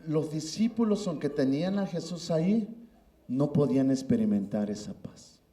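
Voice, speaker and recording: Lively-voiced man preaching. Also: fairly high pitch, moderate pace, echoey room. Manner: emphatic, repeats "hermano" often. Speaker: pastor. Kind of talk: sermon.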